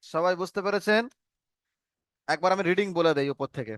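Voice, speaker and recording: A man teaching an Arabic reading lesson, slowly drilling letters and syllables in call and response. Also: high-pitched, clear, resonant tone, no echo, studio quality.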